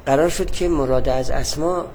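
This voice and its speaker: A man teaching a religious lesson, explaining at a measured pace and repeating his key points. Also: medium pitch, darkish tone, a little hiss or hum.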